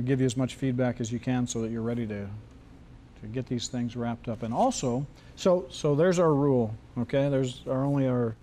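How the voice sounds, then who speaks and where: Mellow-voiced man teaching a casual class. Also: medium pitch, slight background noise. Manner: loose, joking, many restarts. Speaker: screenwriting teacher.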